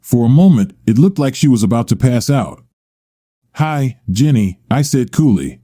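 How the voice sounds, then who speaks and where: A man narrating a first-person story and reading every character's lines in much the same even voice. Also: medium pitch, brisk, no echo, studio quality.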